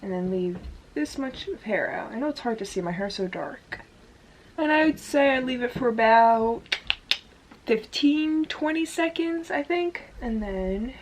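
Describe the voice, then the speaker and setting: A woman's voice: a little high, unhurried, background noise. A woman talking casually through a hair tutorial, chatty and full of "like" fillers. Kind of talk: casual step-by-step demonstration. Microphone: camera in front of her.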